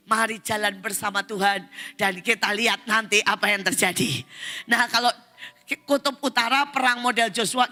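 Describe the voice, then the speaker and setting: Animated woman pastor, gravelly and bright. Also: mid-range voice. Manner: animated storytelling, addresses congregation as saudara. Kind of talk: sermon with personal story. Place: large church hall. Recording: long hall reverb with faint music.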